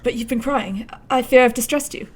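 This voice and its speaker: A woman's voice: a little high, brisk, darkish tone, natural voice. A woman playing an anxious, courteous male Victorian doctor in a radio play, formal and a little hesitant. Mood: apologetic.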